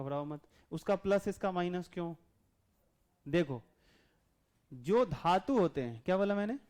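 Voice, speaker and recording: A man's voice: high voice, darkish tone, clear, resonant tone. A man teaching a class chemistry lesson, patiently repeating questions to the class and drawing out lists of names. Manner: drawn-out enumerating of names.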